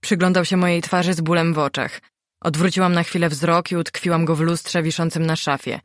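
Kobieta czytająca ekspresyjnie audiobook. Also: female voice, lowish voice, level tone, brisk, dry recording, studio quality. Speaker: audiobook reader. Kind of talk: first-person audiobook narration.

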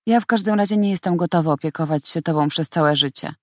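A woman reading the lines of a cold, detached young man, a lecturer, in a flat, firm and icy way. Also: fairly high pitch, fast talker, no echo, clean studio sound, lightly acted. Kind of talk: audiobook character reading.

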